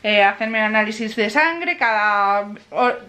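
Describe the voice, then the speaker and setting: A woman's voice: medium pitch, lively intonation, measured pace, sharp tone, faint music behind. A woman in her twenties with a Spain Spanish accent, chatting casually and exclamatorily on a family vlog recorded in a bedroom at arm's length. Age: 20s. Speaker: family vlogger. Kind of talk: casual chat. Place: bedroom at home, indoors. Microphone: camera at arm's length. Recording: clear background noise, handheld home video.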